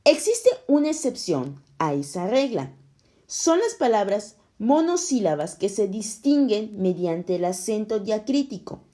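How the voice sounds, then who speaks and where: A woman reading a scripted lesson for schoolchildren, explaining slowly and clearly. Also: mid-range voice, sing-song, mellow. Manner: slow, clear, explaining to children. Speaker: teacher.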